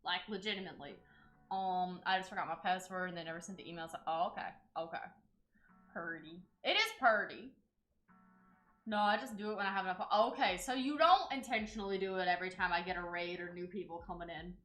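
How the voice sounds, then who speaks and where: Bright-voiced woman with a Southern drawl. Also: lowish voice, fast talker, faint music behind. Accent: Southern US, exaggerated for a viewer redeem. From North Carolina, US. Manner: chatty, answers chat and thanks followers, thinks aloud while working. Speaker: live streamer. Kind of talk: casual live-stream chat while cooking. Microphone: wearing headphones.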